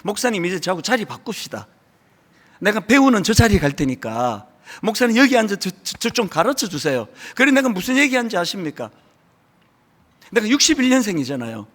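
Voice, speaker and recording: A Korean pastor in his sixties delivering a sermon, emphatic, with loud stressed lines and sudden hushed drops. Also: high-pitched, very animated, brisk. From South Korea. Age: 60s. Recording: reverberant hall.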